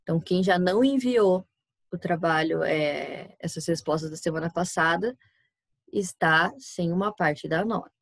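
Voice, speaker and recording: A woman's voice: fairly low pitch, a little slow, vocal fry, dry recording. Patient Brazilian woman teaching a class. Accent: Brazilian Portuguese. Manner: patient, explains step by step, often checks with "tá?". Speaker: Spanish teacher. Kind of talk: recorded online class.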